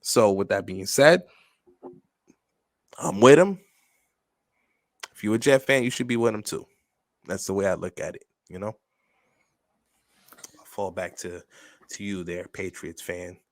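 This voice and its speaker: Low-voiced New York man talking sports. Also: measured pace, long pauses, dry recording, studio quality. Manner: emphatic, slangy, repeats filler phrases. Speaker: sports podcast co-host. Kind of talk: casual sports talk.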